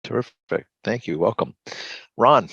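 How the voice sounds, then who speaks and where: A man hosting a group video call, relaxed and halting, with many fillers. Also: on the low side, gravelly, slightly rough, no echo, lo-fi sound. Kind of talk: casual group check-in.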